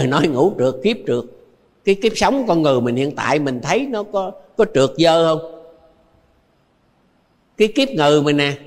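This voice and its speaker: Speaking in a voice on the high side, with a long reverb tail behind him, an older man with a Southern Vietnamese accent delivers a dharma talk as a Buddhist monk. He fills it with anecdotes, chuckles frequently and repeats phrases to stress them.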